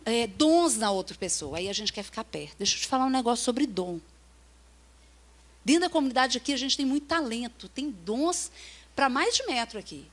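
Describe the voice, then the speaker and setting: Brazilian woman preacher, high-pitched, chatty delivery that checks in with listeners and acts out quoted voices. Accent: Brazilian Portuguese. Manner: chatty, keeps checking in with the audience. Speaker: preacher at a workers' retreat. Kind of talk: conversational sermon.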